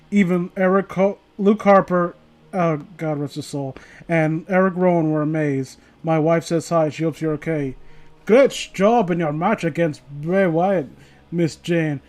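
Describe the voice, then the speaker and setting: A streamer with a notably high, slightly mellow voice reads stories aloud to his livestream viewers in a loose, informal style. He rambles and swears freely, often abandoning a sentence halfway through to add mocking commentary.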